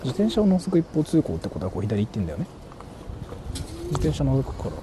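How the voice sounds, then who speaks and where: A very animated man with a mid-range voice races through his words as he livestreams from busy city streets, chatting casually and cursing in slang. Car and urban traffic noise fill the background.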